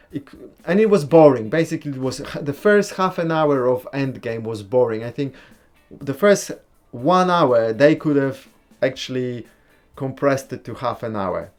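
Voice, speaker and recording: An easygoing man from Poland hosts a livestream, chatting casually with viewers in a mid-range voice. Relaxed and chatty, he reads and answers comments and gives blunt opinions.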